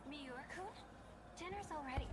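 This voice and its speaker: Woman acting a high-voiced young game girl. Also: normal speed, very noisy, natural voice. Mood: gentle. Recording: game dialogue under loud music.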